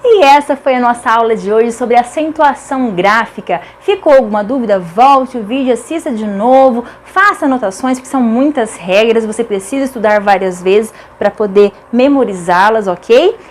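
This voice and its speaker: A woman's voice: a little high, moderate pace, hardly any pauses, slight background noise. A Brazilian woman teaching an online grammar lesson. She speaks emphatically, repeats key words and asks rhetorical questions. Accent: Brazilian Portuguese.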